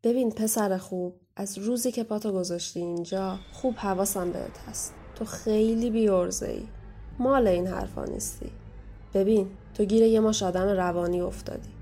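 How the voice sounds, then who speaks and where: A woman playing a mocking, menacing young waitress who talks down to people and gives sharp warnings, in an audio drama. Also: mid-range voice, soft background music, lightly acted. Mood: scornful. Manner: scornful, taunting, bossy. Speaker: guest voice actor.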